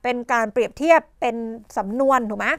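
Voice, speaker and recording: A woman teacher explaining English idioms in a televised tutoring lesson, coughing now and then and dotting her talk with polite fillers and quick questions to the class. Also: a little high, expressive, no room sound. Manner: coughs and clears her throat often.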